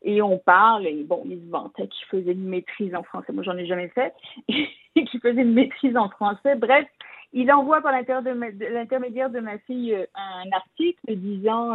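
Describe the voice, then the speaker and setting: A woman's voice: mid-range voice, husky, no room sound. French-accented woman caller on a tinny phone line. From France. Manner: hesitant, many fillers and restarts. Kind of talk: radio call-in chat.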